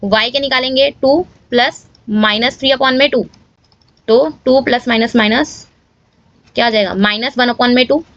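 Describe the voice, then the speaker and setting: A woman's voice: a little high, fairly bright tone, no room sound, lo-fi sound. A woman teaching maths step by step in a casual manner, often checking in with viewers. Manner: casual, addresses viewers as guys, checks with "clear?".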